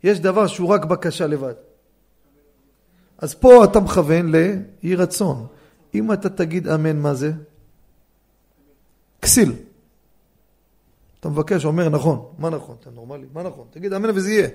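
Rabbi man lecturing in a study hall, high voice w/ a gravelly edge, keeps throwing questions at the class. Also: long pauses. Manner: animated, fires rhetorical questions at listeners. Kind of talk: Torah law lecture.

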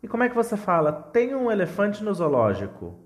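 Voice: mid-range voice, huge pitch swings, fairly quick. An English teacher with a Brazilian Portuguese accent, giving a call-and-repeat lesson with careful model phrases and questioning prompts.

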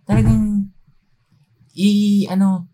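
A man co-hosting a casual podcast chat, joking and sarcastic. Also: slow pace. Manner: animated, swinging pitch, sarcastic asides. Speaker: podcast co-host.

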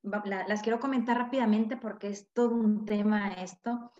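A woman's voice: mid-range voice, steady tone, moderate pace, warm tone. A woman, a guest expert explaining parenting in an interview, who acts out the voices of parents and children. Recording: echoey, dull lo-fi sound.

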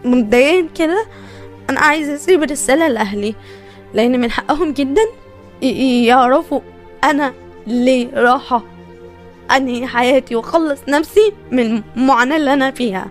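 A woman voicing a young Egyptian woman who stutters and speaks hesitantly and quietly in a recorded message. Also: sits high, fairly quick, soft background music, voice pushed down, lightly acted. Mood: somber.

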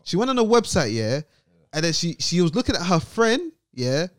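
A man's voice: on the high side, sing-song, normal speed, dry recording. A young man with an urban London roadman accent, hosting casual group banter in a slangy, exasperated ranting manner. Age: young adult. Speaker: podcast host.

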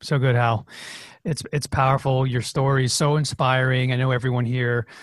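Man, interview host, praising, halting fillers, mid-pitched voice, dry sound. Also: level tone, no room sound. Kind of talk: conversational interview.

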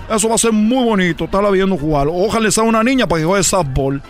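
A boastful, excitable baseball player, put on by a man for a comic radio sketch. The voice sits high and squeals as he rambles on, cracking himself up. A faint music bed runs under his talk. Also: quick pace. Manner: rambling, shouting catchphrases, laughing at own jokes. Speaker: recurring comedy character on a radio show.

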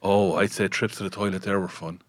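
A man hosting a radio show, teasing his guests in quick, joking banter from the studio. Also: low-pitched, level tone. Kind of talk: casual chat.

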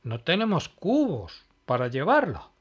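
A man's voice: fairly high pitch, huge pitch swings, a little slow, slightly rough, muffled recording, voice pushed up, heavily acted. A man voicing a small, curious hedgehog girl. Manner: questioning, practical.

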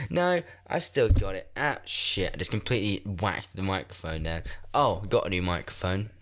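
A deep-voiced man in his twenties hosts a podcast on his own from a shared-house room, his nose clogged and congested. He talks into a desk mic at a moderate pace, expressive and a bit bright, rambling, cursing, and making fun of himself.

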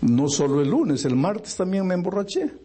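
A man preaching as a pastor, telling a story in an animated way with sudden leaps in pitch for emphasis. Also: normal speed, slightly rough. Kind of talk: storytelling sermon.

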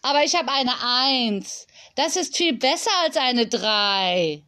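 Woman doing a bratty straight-A schoolgirl, high whiny voice, indignant. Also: normal speed, natural voice. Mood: petulant. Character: sulky top-grade schoolgirl, proud and petulant.

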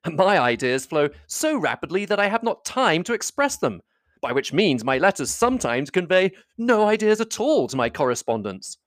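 A reader voicing an amiable, impulsive young gentleman in a classic novel audiobook, good-humoured and lightly self-mocking. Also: mid-range voice, big pitch swings, normal speed, no room sound, studio quality, pitched above the performer's own voice, natural voice. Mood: breezy.

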